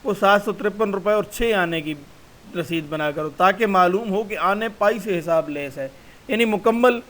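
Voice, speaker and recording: A man's voice: high-pitched, fairly bright tone, poor audio. A man, a college lecturer, reading a passage aloud in a recorded class and explaining it word by word.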